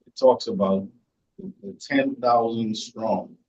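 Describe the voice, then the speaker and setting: Man, panel guest, earnest and deliberate, mid pitch, dull recording. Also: a little mellow. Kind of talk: reflective faith discussion. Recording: dull lo-fi sound.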